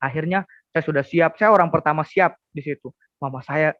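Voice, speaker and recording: A young man giving an emotional personal testimony as an interview guest, often halting and repeating words as he tells it. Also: a little high, no echo, highs cut off. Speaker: guest sharing a conversion testimony.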